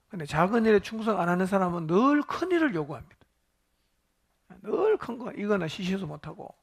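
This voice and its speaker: Male pastor, fairly high voice; interactive Bible study sermon, asks the room questions and jokes. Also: fairly bright tone, slightly rough.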